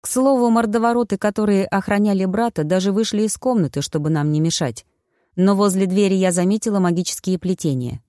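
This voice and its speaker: A woman narrating an audiobook in the first person, with brisk, clear storytelling. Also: mid-range voice, mellow, no room sound, studio quality.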